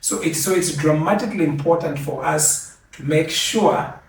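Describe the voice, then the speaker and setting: Older man, from Kenya, formal acceptance speech, earnest, repeats phrases, slightly high pitch, far from mic, strong room echo. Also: slight background noise. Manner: measured, earnest, repeats words for emphasis. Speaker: award recipient giving acceptance speech. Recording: very echoey, from a distance.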